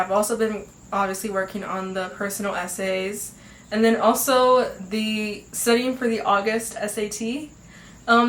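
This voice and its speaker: Recorded in an echoey home room with faint ambience and slight background noise, a teenage girl chats casually on her own podcast, upbeat with plenty of fillers and laughs. Her medium-pitched voice is a bit bright and a bit nasal from congestion.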